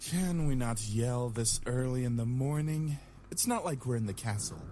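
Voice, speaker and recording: A woman voicing an irritable young man who is not a morning person, in a lowered voice. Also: lively intonation, normal speed, noisy background. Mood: grumpy.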